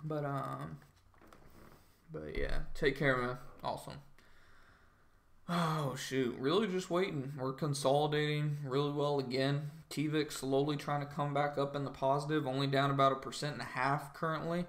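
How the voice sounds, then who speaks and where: A groggy young man with a fairly high, gravelly voice keeps a steady tone and moderate pace while chatting casually with viewers on his trading livestream. His talk is rambling and heavy on "like" and "um."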